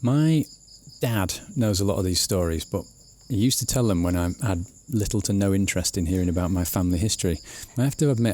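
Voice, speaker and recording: A British man hosting a podcast, chatting casually and teasing his guests. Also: low voice. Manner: playful, teasing, lively questioner. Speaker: podcast host. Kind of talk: casual interview chat. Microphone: headphones and studio mic.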